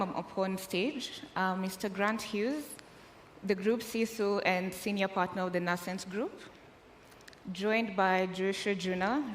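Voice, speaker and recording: A woman from Kenya moderating a live conference panel, friendly and joking as she talks to the audience. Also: mid-range voice. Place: large conference hall. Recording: long hall reverb, faint room noise.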